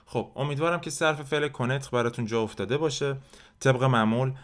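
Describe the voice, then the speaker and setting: A man hosting a French lesson podcast, saying French verb forms slowly for repetition and explaining them in quick, chatty talk. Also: mid-range voice. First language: Persian. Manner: slow, deliberate French drills then quick chatty explanations. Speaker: French teacher and podcast host. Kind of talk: language lesson podcast, drilling conjugations.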